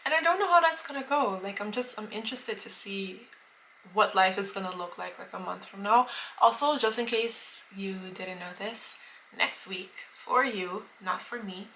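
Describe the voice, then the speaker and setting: A woman's voice: medium pitch, normal speed, sharp tone, slight background noise, poor audio. A woman in her late twenties talking casually to camera as a vlogger, chatty and rambling with many fillers and restarts. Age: late 20s. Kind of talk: casual vlog chat to camera.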